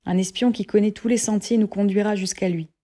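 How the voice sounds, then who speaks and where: A woman's voice: mid-range voice, steady tone, a little fast, dark tone, lightly acted. A woman voicing a frightened, haunted tyrant king who speaks in an uneasy, pleading way.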